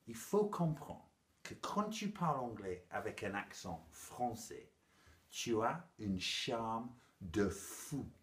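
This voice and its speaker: English-accented male teacher, playful and self-mocking, lively pitch, unhurried, echoey room. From England. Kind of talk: lively video lesson.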